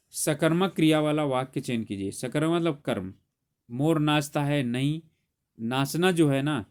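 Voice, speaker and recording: A man teaching grammar, solving an exam paper aloud step by step and correcting himself as he goes. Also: medium pitch. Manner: explains step by step, corrects himself mid-sentence.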